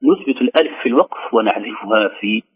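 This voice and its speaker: A man teaching Quran recitation on a radio call-in show, slowly and carefully demonstrating how each word is pronounced. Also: fairly low pitch, husky. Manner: slow, careful demonstration of pronunciation. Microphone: telephone. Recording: tinny phone line.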